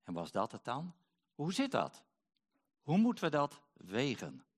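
A middle-aged man preaching a sermon, pausing often with fillers as he searches for words. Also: mid-range voice, wildly swooping pitch. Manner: hesitant, many pauses and fillers.

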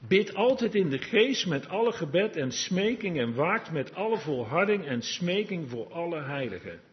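Lively preacher, lo-fi sound. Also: male voice, a little high, normal speed. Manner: conversational and confiding, drops to a murmur then rises to emphatic exhortation. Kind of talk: sermon. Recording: dull lo-fi recording.

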